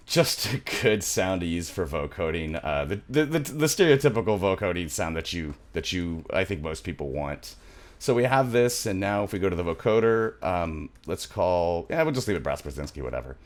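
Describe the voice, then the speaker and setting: Thinking out loud in a relaxed, loose manner, a middle-aged man with a low-pitched voice hosts a music software tutorial. He records on a studio microphone inside a small home room.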